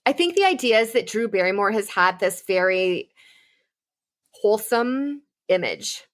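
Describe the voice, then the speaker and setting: A woman's voice: mid-range voice, animated, a little slow. Fired-up woman ranting in casual chat. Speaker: podcast co-host. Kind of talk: casual pop culture chat.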